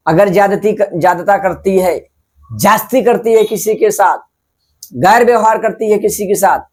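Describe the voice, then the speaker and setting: A man giving spoken opinion commentary as a channel host, scolding and rhetorical, repeating phrases for emphasis. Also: sits high.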